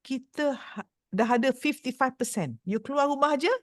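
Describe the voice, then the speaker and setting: A woman's voice: high voice, moderate pace, dry recording, studio quality. A woman with a Malaysian accent giving a playful motivational talk to an audience and teasing the crowd. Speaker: motivational speaker.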